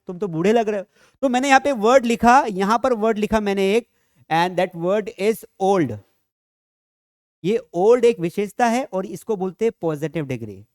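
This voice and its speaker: A man teaching a grammar lesson in a lively classroom style, asking rhetorical questions and dropping jokey asides. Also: high-pitched, no room sound, studio quality. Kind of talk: classroom lecture.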